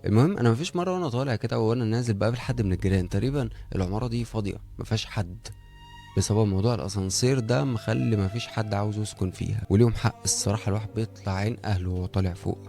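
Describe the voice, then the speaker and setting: A young Egyptian man with an Egyptian Arabic accent, telling a first-person horror story in a casual, animated way and acting out the dialogue. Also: lowish voice, very fast, creaky, faint music behind. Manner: conversational, animated, acts out dialogue.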